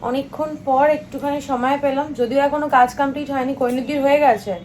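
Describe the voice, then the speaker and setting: Talking fast in a high, steady, slightly mellow voice, a weary family vlogger complains to her viewers about housework and lost sleep. The home vlog is casual, and the audio is noisy and echoey with her set back from the mic.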